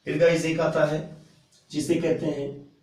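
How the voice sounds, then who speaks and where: A man's voice: a little high, flat delivery, a little slow, darkish tone. A man teaching an exam-prep grammar lesson. He repeats key terms and keeps addressing his viewers as "guys". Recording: echoey room, voice far from the mic.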